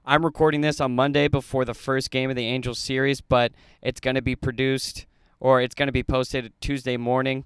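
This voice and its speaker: A man's voice: mid-range voice, a bit bright, clean tone, no echo. A man hosting a solo sports podcast, opinionated and getting fired up as he breaks down the games.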